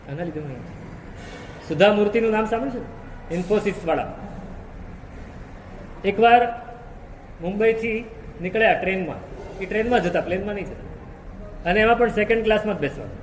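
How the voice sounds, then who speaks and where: A man's voice: high voice, fairly quick, long pauses, a little hiss or hum. A man preaching a sermon, telling a story and repeating key phrases for emphasis. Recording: echoey hall reverb.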